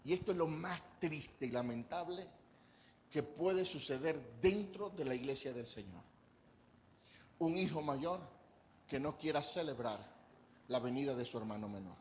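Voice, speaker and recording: Male pastor, high voice, conversational preaching style with quick asides to the congregation. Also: expressive, a little mellow, a little hiss or hum. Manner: preaches conversationally, asks the congregation questions, acts out quoted voices. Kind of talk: sermon. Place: church.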